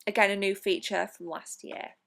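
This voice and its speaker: A woman's voice: mid-range voice, steady tone, moderate pace, creaky, very noisy. A young woman narrating her gaming convention vlog in a chatty, enthusiastic way, with frequent ums and the odd swear word. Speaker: gaming vlogger.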